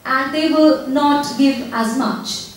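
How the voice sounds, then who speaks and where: Woman moderator, high voice, brisk and pushy with questions, echoey far-off room sound. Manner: brisk, prodding, laughs between questions. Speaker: discussion moderator. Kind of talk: leading an audience game in a seminar. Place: seminar room with audience.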